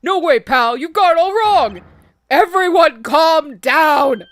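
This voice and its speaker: Woman doing a bumbling male detective, earnest, loud, folksy, high and animated, video game character. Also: fairly quick, no room sound. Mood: flustered.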